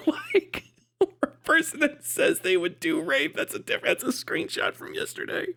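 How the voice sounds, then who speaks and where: High-pitched and gravelly, this live streamer rants in an animated way at a measured pace during unscripted commentary. He swears, speaks bluntly, sounds exasperated and incredulous, and keeps laughing partway through sentences.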